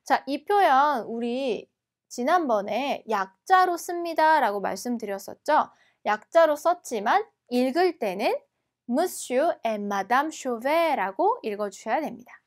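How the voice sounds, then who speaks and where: A woman teaching a language lesson, explaining patiently and repeating each word slowly and carefully. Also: sits high, expressive. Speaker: French teacher.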